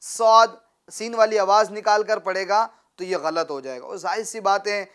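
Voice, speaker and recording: The teacher, a man whose voice is high, smooth and fairly bright, works patiently with a child on Quran recitation. He quizzes the pupil, leads call-and-response repetition, and praises frequently.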